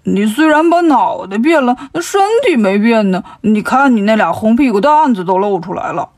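A woman's voice: fairly high pitch, expressive, normal speed, a little mellow, dry recording, studio quality. A woman doing a stammering, whiny pig-man.

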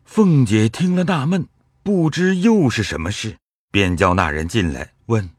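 A man narrates an audio drama in a measured, storytelling manner, his tone husky and his pitch moving freely. The sound is dry and close, with soft music underneath. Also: lively intonation, dry recording.

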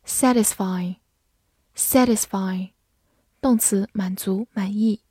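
Slow, mellow woman drilling vocabulary. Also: mid-range voice, no room sound, clean studio sound. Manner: repeats each English word twice, then gives Chinese meanings. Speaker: English vocabulary teacher.

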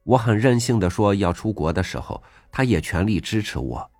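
A man hosting a reading program, narrating a first-person essay in a gentle, reflective way. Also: lowish voice, expressive, normal speed, no room sound. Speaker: audiobook host reading an essay. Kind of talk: scripted narration. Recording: dry studio voice over faint music.

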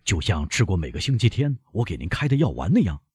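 A man voicing a doctor who fires off quick, pressing questions and orders in an audiobook reading. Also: deep voice, big pitch swings, a little mellow, husky, no echo, studio quality, full character voice. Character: urgent male doctor, probing, commanding.

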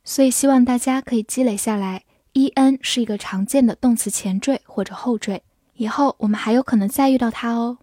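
A woman whose first language is Chinese teaches English vocabulary in a scripted lesson, spelling each word letter by letter and reading the example sentences slowly. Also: on the high side, mellow, no echo, clean studio sound.

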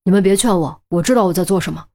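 A woman's voice: on the low side, rapid-fire, a little mellow, lightly acted. A young male detective in a crime audiobook, full of remorse yet stubborn, speaking with earnest resolve, as a woman narrator voices him.

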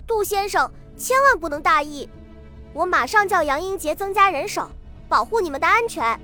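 Woman narrator voicing a firm, decisive male official, high bright read, faint music behind. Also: expressive, brisk, exaggerated voice. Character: middle-aged male Chinese official, calm and decisive.

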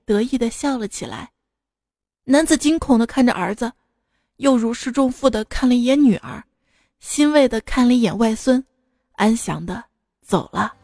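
A woman's voice: on the high side, normal speed, a little mellow, no echo, clean studio sound. A woman radio host telling cold jokes in a playful storytelling manner, briefly putting on voices for her characters.

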